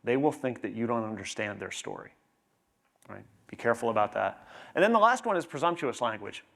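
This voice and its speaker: A man's voice: mid-range voice, lively intonation, a little fast, creaky, a bit bright. A man speaking on stage at a conference, presenting to fellow professionals in a conversational way and often checking in with tag questions.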